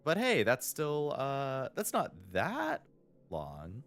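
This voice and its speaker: A man's voice: mid-range voice, huge pitch swings, slow pace, fairly bright tone, soft background music. A man streaming a game, rambling in casual chat and laughing often into a desk microphone.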